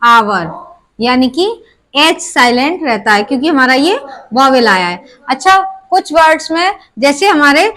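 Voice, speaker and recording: A woman's voice: high-pitched, lively intonation, a little slow, pushed and bright. A woman teaching English pronunciation rules, asking herself questions and answering them, spelling words out letter by letter.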